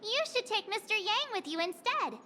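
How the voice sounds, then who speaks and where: A woman's voice: very high-pitched, animated, normal speed, bright, forceful tone, slight background noise, full character voice. A woman playing a youthful, teasing girl companion in a video game. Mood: playful. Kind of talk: scripted video game acting.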